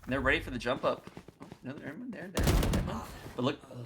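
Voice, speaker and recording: Male co-caster, hyped and exclamatory, over loud game noise. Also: medium pitch, expressive, fast talker. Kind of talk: live game commentary. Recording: noisy game audio behind.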